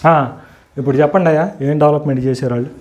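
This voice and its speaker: A man's voice: a little high, fairly even intonation, fast, darkish tone, dull audio. A man teaching a group, constantly quizzing his listeners with rhetorical questions. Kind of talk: interactive teaching talk.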